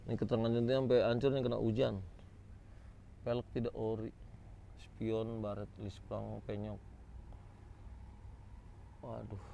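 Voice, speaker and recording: A man's voice: on the low side, vocal fry, warm tone, slight background noise. A man gives informal, exclamatory walk-around commentary as a vlog host, addressing viewers directly. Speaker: host of a used car auction vlog. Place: outdoors in a car lot.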